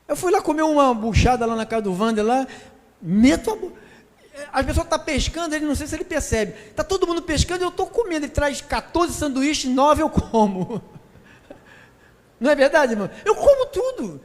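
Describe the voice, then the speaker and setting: A man with a Brazilian Portuguese accent, preaching a sermon as pastor in a lively, joking way and calling the listeners brothers. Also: very high-pitched, a little fast, in a large hall.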